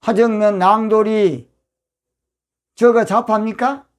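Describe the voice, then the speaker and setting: An older man, a pastor from Yeosu with a Jeolla accent, preaching a fiery, emphatic sermon that breaks into sudden loud outbursts. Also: high-pitched, fairly even intonation, slow. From Yeosu, Jeolla province, South Korea.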